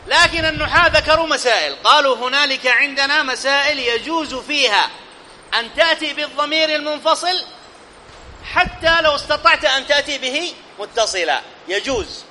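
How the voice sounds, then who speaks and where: A man's voice: very high-pitched, sharp tone, a little hiss or hum. A man teaching a live classroom grammar lesson, often stopping to question students and check that they follow. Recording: long reverb in a hall.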